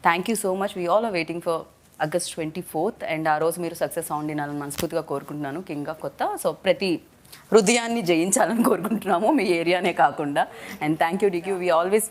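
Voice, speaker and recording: A woman's voice: fairly low pitch, slight background noise. A woman hosting a casual film-promotion interview, switching between English and Telugu and chiming in often. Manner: chatty, many quick acknowledgements. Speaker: host.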